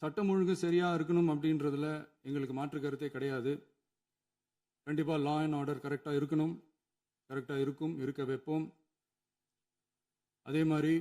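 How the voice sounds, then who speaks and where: A man's voice: fairly high pitch, dark tone. A man, a chief minister, giving an emphatic formal speech in a legislative assembly hall, building his points through repetition.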